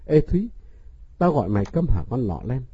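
A man's voice: mid-range voice, very animated, fairly quick, breathy edge, highs cut off. A man voicing a crude schoolboy bully who jeers and swaggers as he hurls insults. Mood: jeering.

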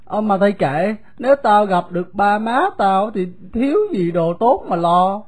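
A woman with a Southern Vietnamese accent voicing a poor, gentle young boy who talks in a soft, plain, confiding way. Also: medium pitch, a little slow, close to an everyday voice.

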